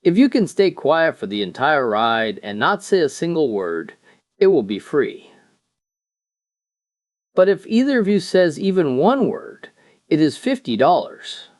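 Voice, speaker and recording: A brisk, persuasive helicopter pilot , played by a male joke teller. His intonation is animated and the recording is dry. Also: a little high, no room sound.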